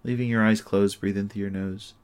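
A man guiding a listener through sleep hypnosis, speaking in a slow, soothing, repetitive way. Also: lowish voice, level tone, smooth.

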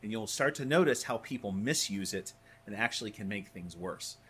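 A man's voice: on the low side, lively intonation, normal speed, a bit bright, husky. A man teaching a hypnosis course in a conversational, emphatic way, sometimes repeating words as he explains. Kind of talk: course lecture.

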